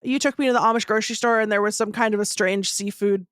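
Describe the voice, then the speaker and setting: A woman's voice: mid-range voice, fairly even intonation, fast, fairly bright tone, clear, resonant tone, no echo, clean studio sound. A woman co-hosting a casual podcast livestream, reading out items in a matter-of-fact way. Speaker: podcast co-host.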